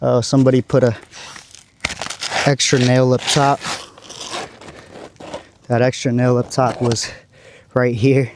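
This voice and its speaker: A man working as a roofer, talking through a shingle repair step by step, his voice going hoarse after a long day. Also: medium pitch, little pitch movement, slow, pauses often, background noise. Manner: careful, explaining each step. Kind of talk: on-site repair walkthrough. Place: on a rooftop outdoors.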